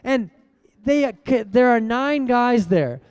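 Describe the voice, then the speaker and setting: A young man with a very high, smooth voice gives a motivational keynote. He tells his story in a lively way and throws questions at the audience. The sound is dry and close. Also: slow pace, no echo. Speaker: keynote speaker.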